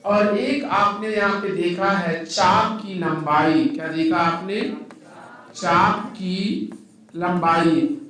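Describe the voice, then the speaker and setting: Male maths teacher, somewhat high voice, asks the class and answers himself; echoey room. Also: fairly even intonation, slow pace, pushed and bright. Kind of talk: classroom lecture. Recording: echoey room, mic at a distance.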